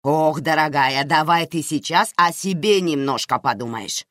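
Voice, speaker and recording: Шумная, хлопотливая тётушка из аудиокниги, которую озвучивает женщина, говорит с размахом, голос скачет вверх-вниз. Запись сухая, без эха. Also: female voice, on the low side, sing-song, unhurried, a bit bright, no room sound, studio quality, pitched above the performer's own voice. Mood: effusive fussing. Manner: effusive, exclaiming, fussing.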